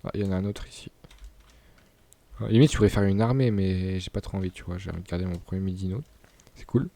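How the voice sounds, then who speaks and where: Young man chatting over gameplay, mellow voice. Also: low-pitched, fairly even intonation, quick pace, gravelly. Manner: chatty, laughs and stumbles over words. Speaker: gaming YouTuber. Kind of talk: casual gameplay commentary.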